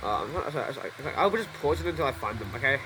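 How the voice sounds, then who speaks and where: A young man casually commenting on his gameplay, rambling and excitable, swearing often. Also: mid-range voice, very fast, background noise. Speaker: gaming YouTuber. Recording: voice over loud game music.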